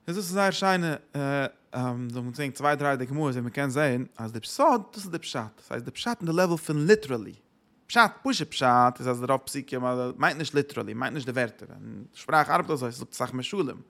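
A man's voice: medium pitch, lively intonation, fairly quick, vocal fry, fairly bright tone. A man giving a Torah lecture, asking rhetorical questions and answering them, with English words mixed in.

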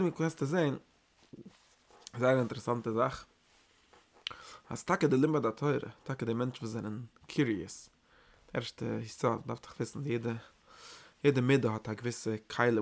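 Gravelly man giving an emphatic Torah lecture. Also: mid-range voice. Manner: emphatic bursts, repetitive phrasing with hesitations. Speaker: Torah teacher.

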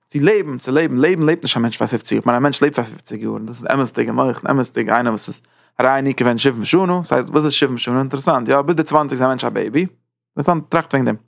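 A man's voice: medium pitch, rapid-fire, vocal fry, dry recording, studio quality. A man giving a spoken Torah lecture who often restarts and repeats phrases as he explains. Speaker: Torah teacher.

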